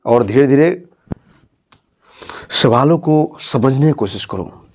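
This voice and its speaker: A man's voice: mid-range voice, animated, takes it slowly, a little mellow. Male teacher, encouraging, motivational, asks checking questions. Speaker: teacher and counselor. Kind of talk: motivational talk to a student.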